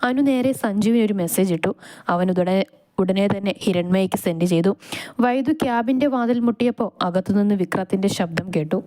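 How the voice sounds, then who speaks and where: A woman narrating a romantic short story in a steady, expressive reading. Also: medium pitch, fairly quick, rough recording.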